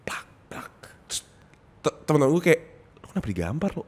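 Lively young man telling gossip. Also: a little high, fast, husky. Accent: Jakarta slang. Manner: animated storyteller, acts out quotes, laughs often. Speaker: podcast co-host. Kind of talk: casual gossip chat.

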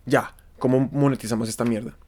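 An interview guest with a Colombian accent talks a little fast in a mid-range, slightly mellow voice with fairly even intonation. He spins his stories casually, swearing and using slang, and performs the quoted lines of dialogue.

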